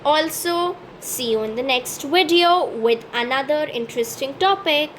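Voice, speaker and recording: Slow, high-voiced woman teaching French. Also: lively intonation, a little hiss or hum, low-quality recording. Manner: careful, deliberate pronunciation drills. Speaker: French teacher and channel host. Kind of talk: slow instructional explanation.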